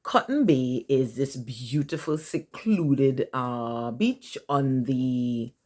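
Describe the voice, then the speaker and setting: Tobago lady in her 40s just chatting to camera, animated, keeps saying right. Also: extremely low pitch, takes it slowly. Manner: chatty, asks "right?" often, animated asides. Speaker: vlogger. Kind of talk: casual chat.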